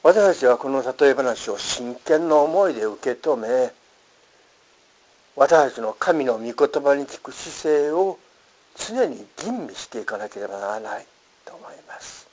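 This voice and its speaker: Lively, emphatic male preacher. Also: a little slow, a little hiss or hum, poor audio. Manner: earnest, emphatic preaching with lively pitch swings. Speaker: pastor. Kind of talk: sermon.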